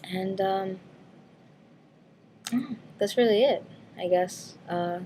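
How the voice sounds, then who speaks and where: A woman vlogger talks through her week in a loose, rambling way. She is frank and casual, with plenty of ums and likes and the odd swear word. Her voice sits a little on the low side. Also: a little mellow, a little hiss or hum. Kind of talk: casual weight-loss update vlog.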